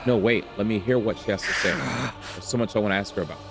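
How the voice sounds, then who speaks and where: A man's voice: on the low side, quick pace, close to an everyday voice. A man voicing an earnest young male student hero, reading the lines plainly over game music. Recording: game music playing behind.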